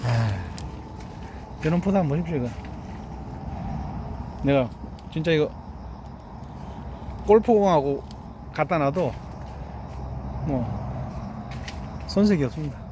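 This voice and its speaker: In an outdoor vineyard, a middle-aged grape farmer proudly shows off his harvest in a casual vlog walkthrough, boastfully repeating "look here" and asking "eh?" as he urges the viewer to look. His fairly high voice is expressive and slow, with long pauses, and there is background noise.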